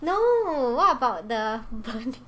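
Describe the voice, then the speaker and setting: A woman's voice: fairly high pitch, lively intonation, a little slow, a bit bright, a little hiss or hum. A woman with a Singaporean accent, a podcast co-host chatting casually in colloquial Singlish with short, echoing interjections. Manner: brief interjections, echoing the speaker.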